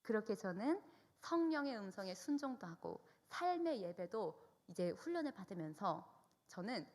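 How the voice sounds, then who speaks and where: A young woman, a youth minister, giving a lively testimony at a church meeting in a reverberant hall. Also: mid-range voice, moderate pace. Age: young adult. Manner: lively storytelling, acting out dialogue.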